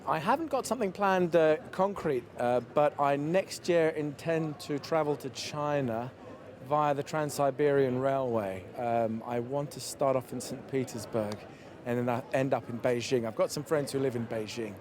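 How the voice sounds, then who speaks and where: A man's voice: mid-range voice, moderate pace, a crowd in the background. A man speaking hesitantly and thoughtfully about travel plans in a street interview. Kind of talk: casual chat.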